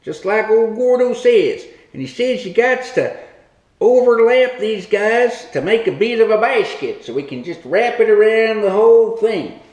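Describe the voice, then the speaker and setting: A man's voice: high-pitched, animated, unhurried, a little mellow, reverberant, low-quality recording. A man hosting a comic cooking demo in a home kitchen, talking in a rambling, folksy hillbilly way. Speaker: cooking show host.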